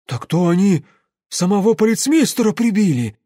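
Man doing rough yelping young soldiers. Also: sits high, sing-song, normal speed, dry recording, studio quality, pitched above the performer's own voice. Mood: indignant. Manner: coarse, loud, colloquial. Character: rough young male cavalry soldiers, crude and jumpy.

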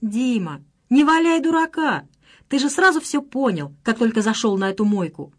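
A woman voicing a spiteful young woman who jeers and shouts in loud, high, mocking bursts. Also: animated, moderate pace. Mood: jeering spite. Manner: shrill, jeering shouts.

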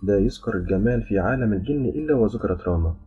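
A man's voice: lowish voice, lively intonation, fast talker, breathy edge. A man voicing a beautiful, playful and proud young female jinn who speaks with a teasing, smiling delivery. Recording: dull lo-fi with faint music.

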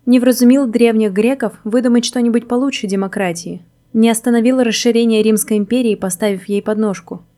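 A woman narrating a whimsical storybook in an even, wry reading manner. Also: a little high. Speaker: audiobook narrator.

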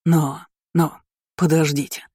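A frightened middle-aged lord stammers his way through excuses, halting and slow, as a male narrator voices him. The voice sits mellow and dark, dry and close to the mic. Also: on the high side, flat delivery, breathy edge, no echo. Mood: stammering. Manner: stammering, then barking orders.

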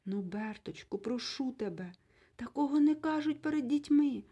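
A meek, fussy storybook father who stammers and begs for peace, as a woman reader puts him on. The voice is husky and swings up high when he falters, with a lively, uneasy lilt. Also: normal speed, dull audio. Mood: pleading. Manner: stammering, pleading. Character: fussy kindly middle-aged father, timid.

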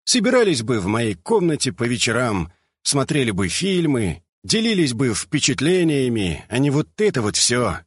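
A man's voice: medium pitch, big pitch swings, moderate pace, breathy edge, no echo, clean studio sound. A man voicing a cheerful, naive young male mutant, upbeat and friendly. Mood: wistful.

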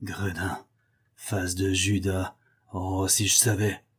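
A man voicing an exasperated young companion who yells and mutters threats through clenched teeth, in an audiobook reading. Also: sits low, little pitch movement, takes it slowly, husky, full character voice. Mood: seething mutter.

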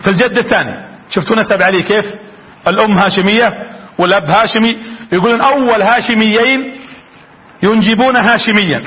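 Fast, high-voiced preacher. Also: male voice, pushed and bright, highs cut off. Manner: fervent, addresses the audience directly. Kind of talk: religious lecture with storytelling.

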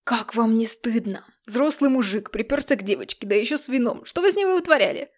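A woman voicing an outraged shouting father. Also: a little high, animated, brisk. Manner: indignant, accusing.

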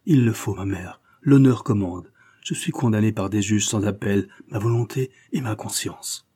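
A man's voice: lowish voice, normal speed, dark tone, slightly rough. A man reading aloud, voicing a remorseful young man who confesses his faults to his mother with heated emotion. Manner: emotional and self-accusing.

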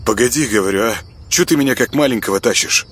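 A man's voice: mid-range voice, fast talker, fairly bright tone, husky, pitched above the performer's own voice. A man voicing a weary, subdued young man who mutters reluctantly, in an audiobook. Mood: irritated. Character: weary, gloomy young man just out of hospital.

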